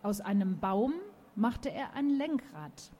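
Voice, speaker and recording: A woman reading her children's book aloud at a book fair event, speaking gently and directly to the children. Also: medium pitch, animated, slow pace.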